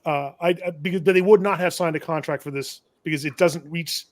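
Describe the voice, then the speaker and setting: A man's voice: a little high, brisk, no echo. Talkative man telling a business story. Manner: rambling, self-correcting, chuckles at own misfortune. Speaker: shop owner and tool vendor. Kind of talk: casual storytelling on a live show.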